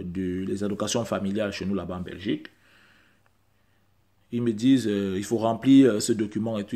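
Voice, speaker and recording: A vlogger from Central Africa talks straight to camera in a lowish voice with vocal fry and a darkish tone. French isn't his first language. He speaks insistently and repetitively, building up to emphatic peaks.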